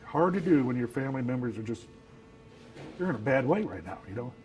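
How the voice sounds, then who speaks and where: A man, telling his story in an interview in a halting, soft-spoken way, filling his talk with "you know.". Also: medium pitch, sing-song, a little hiss or hum, low-quality recording. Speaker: actor who works as Santa, telling his story.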